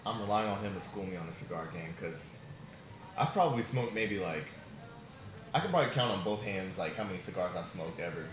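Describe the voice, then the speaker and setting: A low-voiced man chats casually as a guest. He sounds easygoing and chuckles often. The room is echoey, with clear noise behind him. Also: lively intonation, a little fast. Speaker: guest, event organizer. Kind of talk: casual chat.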